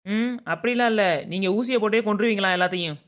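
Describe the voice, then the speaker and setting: A rapid, blunt scatterbrained village nurse, voiced for a cartoon comedy. The figure speaks with a Madurai Tamil accent, at a middling pitch. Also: lo-fi sound, lightly acted.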